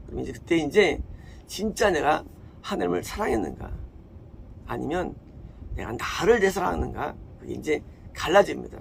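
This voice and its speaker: A man's voice: a little high, gravelly, a little hiss or hum. A man preaching a sermon as a pastor, emphatic, asking questions and answering them himself. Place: church.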